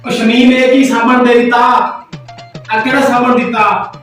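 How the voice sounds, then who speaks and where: A man's voice: very high voice, flat delivery, normal speed, over loud music. A man playing a grumbling, exasperated, sarcastic husband with a Pakistani Punjabi accent in a family comedy skit. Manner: complaining, repetitive ranting. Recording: very echoey room, distant mic, noise.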